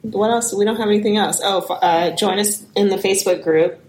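A woman's voice: medium pitch, brisk, a little mellow, reverberant, a little hiss or hum, rough recording. A woman co-hosting a podcast, chatting casually and running through the announcements. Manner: easygoing, chatty, announces the plugs. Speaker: podcast co-host. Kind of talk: casual chat.

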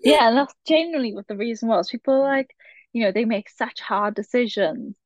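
This podcast guest is a chatty Valleys girl from Wales in her 20s, rambling along and laughing at her own expense in casual talk. She speaks briskly with a higher-leaning pitch, captured in a dry, somewhat muffled recording.

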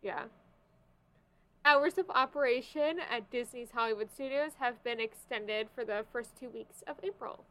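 Casting: female co-host, slightly high pitch, informal delivery of entertainment news and casual chat. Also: measured pace, a bit bright, low-quality recording. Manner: informal, loose paraphrasing between read items. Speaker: podcast co-host. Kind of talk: entertainment news podcast, reading items and chatting.

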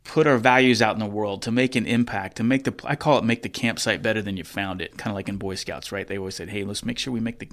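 A man's voice: mid-range voice, fairly bright tone. A man in his fifties hosting an interview podcast, reflecting at length with enthusiasm. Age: 50s. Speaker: podcast host.

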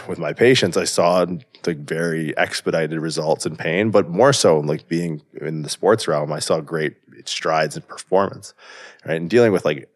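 A man in his thirties with a very low, deep voice talks loosely as a podcast guest. He rambles, strings thoughts together with "like" and "right?", and swears offhandedly. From Canada. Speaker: guest, strength coach. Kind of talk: casual podcast interview.

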